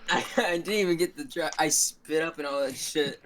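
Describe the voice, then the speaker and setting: A man's voice: a little high, normal speed. A man talking casually and crudely as a contestant in an online voice chat. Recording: noisy computer mic with clicks.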